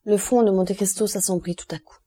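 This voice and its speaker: A woman narrating a classic novel as an audiobook, in a steady, even reading manner. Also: mid-range voice, fairly quick, slightly rough. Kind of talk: scripted literary narration.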